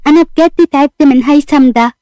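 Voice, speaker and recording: A woman's voice: high voice, warm tone, no room sound, natural voice. Brief: woman doing a hot-tempered, easily flustered young Egyptian girl with a raised voice. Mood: grumpy. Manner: quick-tempered, bashful. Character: young woman, fiery and shy heroine.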